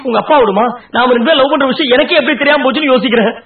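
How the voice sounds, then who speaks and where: An actor playing a wisecracking video shop owner who teases everyone. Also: male voice, very high voice, far from the mic. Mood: puzzled. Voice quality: sarcastic, quick-witted. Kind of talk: comedy film dialogue. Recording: tinny lo-fi echoey film audio.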